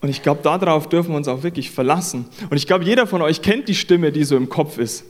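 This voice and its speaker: A man's voice: a little high, quick pace. A man preaching a sermon in an earnest, conversational way, repeating phrases for emphasis.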